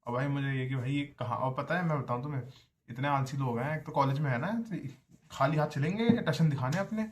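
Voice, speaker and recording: A man's voice: medium pitch, fairly quick, a little hiss or hum. A young man, a college student, telling a story in a chatty, casual vlog style, often addressing listeners as brother. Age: young adult.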